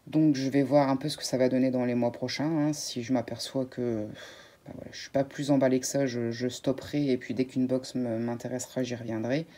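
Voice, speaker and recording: A woman beauty vlogger talks casually to her audience as she unboxes products. Her voice is mellow and soft-toned rather than bright. She rambles warmly, restarting phrases and dropping in small fillers as she goes. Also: very deep voice, steady tone, a little fast. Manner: chatty, addresses viewers, frequent fillers and restarts.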